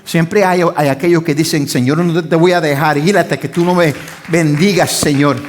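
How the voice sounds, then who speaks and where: An older man preaches from the pulpit with fervour. His voice sits a little high, rising into loud pleading and dropping into quiet asides to his congregation. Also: steady tone, normal speed. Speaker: pastor. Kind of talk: sermon.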